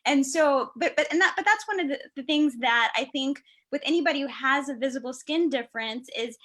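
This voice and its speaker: Middle-aged woman, higher pitch, dermatologist host, emotional storyteller who restarts sentences often. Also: brisk, a bit bright. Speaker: dermatologist hosting a panel. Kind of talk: conversational panel discussion.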